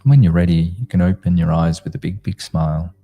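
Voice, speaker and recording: A man leading a guided meditation in a slow, gentle, soothing manner, like a sleep story narrator, in short spaced phrases. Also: low voice, faint music behind. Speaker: meditation guide, host of a live group session.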